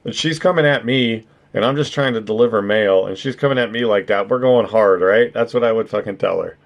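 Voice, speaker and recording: Adult man, lowish voice, profane rambling streamer commentary. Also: a little fast. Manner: rambling, profane, keeps adding "right?". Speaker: streamer reacting to videos. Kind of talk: casual reaction commentary.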